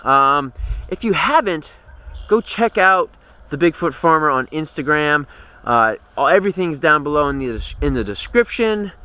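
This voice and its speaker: A man's voice: fairly high pitch, lively intonation, normal speed, sharp tone, clear, resonant tone. An American man in his thirties giving an earnest, conversational walk-and-talk vlog update outdoors on a farm. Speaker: homesteading vlogger.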